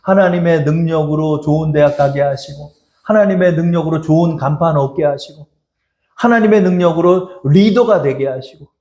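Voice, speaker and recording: A man's voice: fairly high pitch, moderate pace, mellow. A male pastor preaching a sermon in a church, exhorting the congregation and speaking to them in God's voice. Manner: exhorting, speaks directly to listeners as God. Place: church sanctuary. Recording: echoey church hall.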